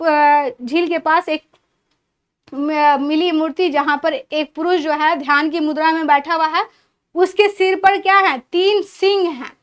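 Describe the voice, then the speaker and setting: A woman's voice: high voice, fairly bright tone. A woman giving an exam-prep history lecture, explaining step by step, asking questions and answering them herself, and listing items one by one. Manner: explanatory, asks and answers her own questions. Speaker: teacher.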